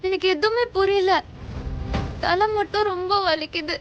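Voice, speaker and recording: An actress playing a dazed young woman who talks in a groggy, pleading way, with drawn-out cries, in a TV serial. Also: extremely high pitch, muffled recording, slight background noise. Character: dazed young woman after a drugged drink. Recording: TV serial with loud music under it.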